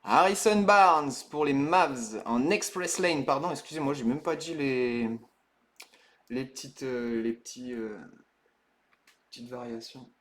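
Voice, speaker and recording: A man streaming a live card break, calling out each card in slow, hushed commentary that bursts into ecstatic shouting. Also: mid-range voice.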